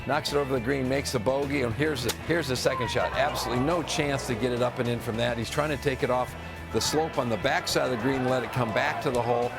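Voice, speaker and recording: A man's voice: mid-range voice, fast, creaky. Male golf commentator analysing play over music. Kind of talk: golf commentator explaining shots and greens. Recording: music bed under the voice.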